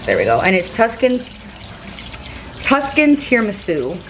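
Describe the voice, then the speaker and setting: A young adult woman vlogs casually from rooms in her house into a camera mic about arm's length away, with a lisp and whistling s sounds. Her medium-pitched voice swoops wildly and she takes her time, in an echoey room with clear background noise.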